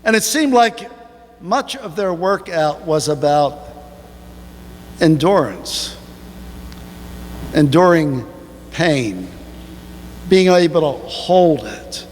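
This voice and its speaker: A man preaching a sermon as pastor, slow and emphatic, with sudden rises in pitch. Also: lively intonation, in a large hall, a little hiss or hum. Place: church sanctuary.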